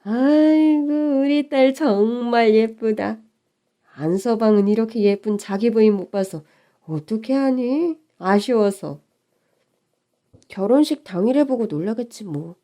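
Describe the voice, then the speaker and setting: A woman voicing a doting middle-aged mother who talks slowly and reassuringly in an audio story. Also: mid-range voice, lively intonation, lightly acted. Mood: soothing. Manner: slow, gentle and reassuring.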